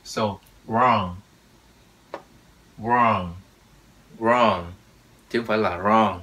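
A man's voice: on the low side, extremely slow, bright, forceful tone, slight background noise. A man teaching English pronunciation in Vietnamese, repeating each word with emphasis. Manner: drills words, repeats them with emphasis. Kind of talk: pronunciation lesson.

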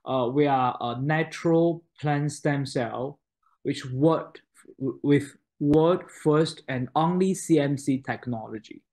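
A man in his thirties whose first language is Mandarin Chinese presents a product in an online webinar over a webcam video call from his home study. His voice is fairly high with a darkish tone, and he speaks slowly and hesitantly, with many fillers, restarts and a frequent "okay?".

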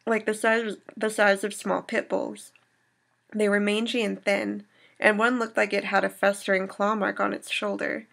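A woman reading aloud as a shaken young woman survivor recounting an attack, in a steady storytelling manner. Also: mid-range voice, normal speed, creaky. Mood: grieving.

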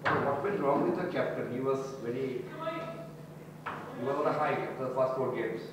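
A man's voice: mid-range voice, steady tone, moderate pace. A man asking questions at a press conference, hesitant and searching for words. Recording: distant mic in an echoey hall with background noise.

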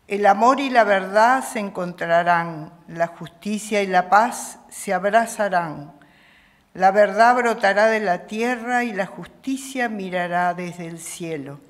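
An older woman at a chapel lectern microphone, reading the psalm verses of a Mass in a measured manner. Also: medium pitch. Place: small chapel. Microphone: stand microphone at lectern. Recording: long chapel reverb.

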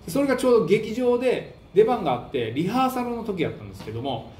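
A fast, high-voiced man with a Kansai accent, a comedian and book-review host, delivers a casual monologue full of animated stories where he acts out what people said. The room is echoey with a faint hiss.

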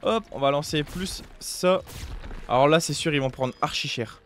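A man's voice: a little high, normal speed. A young man giving casual, upbeat gameplay commentary, chatty and full of fillers, as a gaming youtuber at home on a close desk mic.

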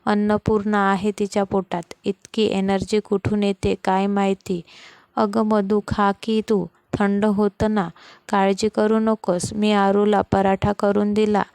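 A woman's voice: medium pitch, completely flat delivery, measured pace, a little mellow, clean tone, no echo, natural voice. A woman voicing a caring, fussy older mother-in-law who scolds kindly, in a storybook reading. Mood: fussing kindly.

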